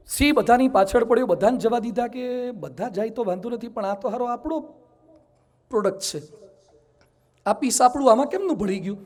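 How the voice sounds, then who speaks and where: Emphatic high-voiced monk preaching. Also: male voice. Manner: emphatic, animated storytelling. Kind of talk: sermon.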